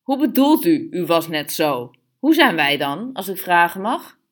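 A woman's voice: fairly low pitch, fairly quick, a bit bright, close to an everyday voice. A woman reading the part of a blunt, cheeky teenage boy, in a sneering tone. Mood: challenging.

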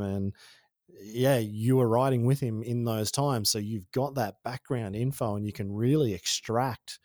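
An Australian man talks as a podcast guest in an easygoing, rambling way, full of slang. His voice sits at a medium pitch, recorded close and dry. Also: darkish tone, no room sound. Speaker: podcast guest, former freestyle motocross rider. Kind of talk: casual conversation.

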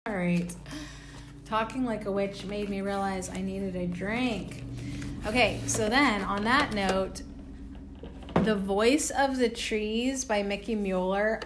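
A woman's voice: medium pitch, a little hiss or hum. A young woman casually rambling with lots of fillers while reading oracle cards in a vlog. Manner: rambling, loose, full of "like" fillers. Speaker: oracle card reader.

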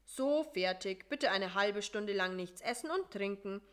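A woman voicing a slight male mosquito dentist in a storybook reading, polite and fussy, with a brisk bedside manner and a voice raised a little above her own. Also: medium pitch, lively intonation, smooth, lightly acted.

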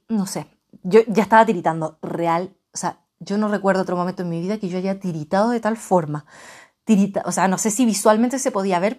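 Chilean woman telling a wild travel story, gets loud then drops to a hush, mid pitch. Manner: animated, swinging between loud exclamations and hushed asides. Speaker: travel vlogger. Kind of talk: dramatic personal storytelling.

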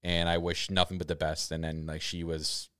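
A young man tells a story on a podcast with a lowish voice and an eager, tumbling delivery. He laughs often and restarts his sentences. The sound is close and dry. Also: monotone, moderate pace, sharp tone, smooth, no room sound. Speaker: podcast co-host. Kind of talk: casual chat.

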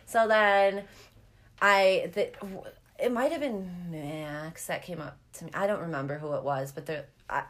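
Casual female chat voice, lowish, lisping, with vocal fry; candid and self-deprecating. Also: unhurried, a bit bright. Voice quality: lisp.

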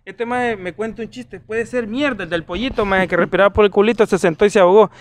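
A man's voice: high voice, steady tone, fast, noisy background. A young man, chatting casually with friends and joking with crude slang. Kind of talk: casual chat among friends.

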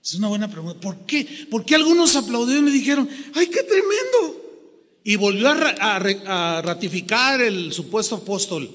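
Mexican pastor preaching, lively and dramatic, high voice, big echoey church. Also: male voice, a little fast, hardly any pauses. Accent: Mexican Spanish. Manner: animated preaching, acts out quoted voices. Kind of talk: sermon.

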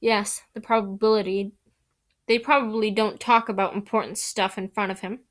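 A woman's voice: medium pitch, fairly even intonation, normal speed, lightly acted. A woman reading aloud, voicing a sneering, spoiled teenage boy who taunts and mocks his classmates. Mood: gloating. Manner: taunting, mocking.

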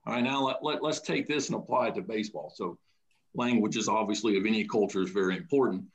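A man, a high school baseball coach telling stories in a casual podcast chat. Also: quick pace, muffled recording. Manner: storytelling, animated when quoting kids.

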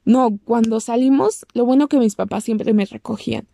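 A woman's voice: moderate pace, vocal fry, dark tone, no echo, clean studio sound. A young woman with a Mexican accent telling a personal story to the camera, chatty and acting out what people said. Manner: chatty, acts out quoted lines in a squeaky voice. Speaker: vlogger.

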